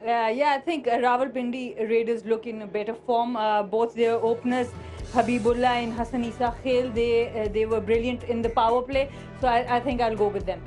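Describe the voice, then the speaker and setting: A woman's voice: fairly high pitch, steady tone, a little fast, a little mellow, faint music behind. Tentative female cricket pundit. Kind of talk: live pundit chat.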